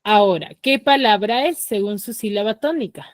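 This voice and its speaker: A woman's voice: medium pitch, normal speed, no echo, studio quality. A woman teaching an online class with a Peruvian Spanish accent, leading students through questions step by step. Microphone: computer mic on a video call.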